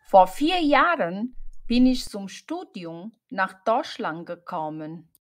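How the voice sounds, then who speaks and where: A woman voicing a young woman student in a slow scripted learner dialogue, answering carefully. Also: medium pitch, sing-song. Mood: plain. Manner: plain, careful storytelling answers.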